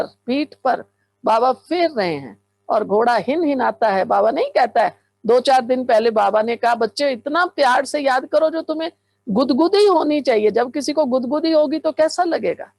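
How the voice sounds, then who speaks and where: A woman's voice: sits high, animated, moderate pace, darkish tone, no room sound. A woman who is a spiritual teacher, giving a fervent guided meditation talk and speaking straight to her listeners with exclamations.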